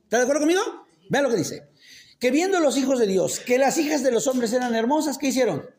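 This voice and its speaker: A man's voice: very high-pitched, animated, fast, a little mellow. A man preaching a casual sermon. He keeps quizzing the congregation with rhetorical questions and makes joking asides. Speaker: pastor. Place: church.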